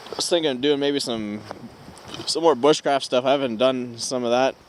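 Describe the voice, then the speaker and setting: Noisy outdoor ambience surrounds a man. His pitch is ordinary to slightly low, and he talks casually to viewers. His delivery is laid-back and unhurried, like a solo camping vlog. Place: outdoors at a campground at night. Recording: outdoor wind and ambient noise.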